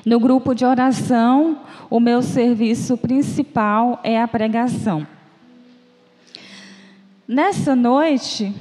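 A young woman with a Northeastern Brazilian accent, preaching at a small church's prayer group and reading scripture in a slow, gentle, inviting way. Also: a little high. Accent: Brazilian Portuguese, Northeastern. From Bahia, Brazil. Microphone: mic on a stand at the lectern. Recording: reverberant church hall.

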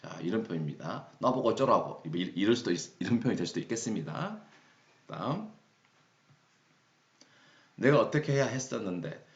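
A man from Korea explains English phrases in a lesson, his low voice moving up and down with lively pitch. He slows right down to read each English example with care. The recording is roomy and a little dull and lo-fi. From South Korea. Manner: slow, deliberate reading of example sentences. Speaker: English teacher.

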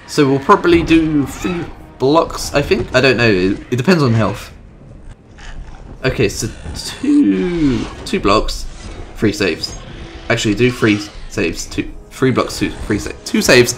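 Excitable man narrating a mobile game. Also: mid-range voice, a little slow. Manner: chatty, excitable, thinking aloud about moves. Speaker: gamer. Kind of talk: let's play commentary. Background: game music.

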